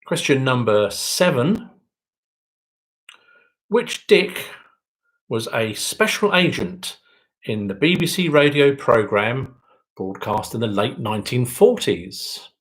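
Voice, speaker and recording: A man's voice: mid-range voice, sing-song, a bit bright, low-quality recording. Quiz host, male, dry wit, sing-song delivery that rises on each question. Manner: repeats each question slowly, dry joking asides. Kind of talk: reading out quiz questions and answers.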